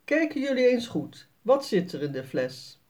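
A woman's voice: on the high side, very animated, normal speed, a little mellow, pitched above the performer's own voice. A woman doing a kindly beachcomber man. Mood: friendly. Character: friendly adult male beachcomber.

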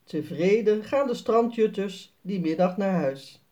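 A woman reads a children's story aloud in an unhurried, clear manner. Her pitch rises and falls a lot, which keeps the story lively. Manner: slow, clear storybook reading.

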